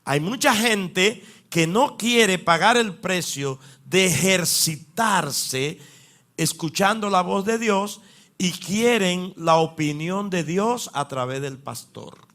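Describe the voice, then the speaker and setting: A man's voice: high voice, expressive, takes it slowly, a bit bright. A man preaching a sermon to a congregation, asking them questions and pushing his voice up for emphasis. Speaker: pastor.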